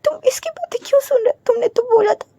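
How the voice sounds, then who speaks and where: Woman playing a frantic young man in a storybook tale, pitched very high, stammering and tearful, dry close sound. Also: fairly even intonation, normal speed, vocal fry, a little mellow, no room sound. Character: young man, desperate pleading betrayer.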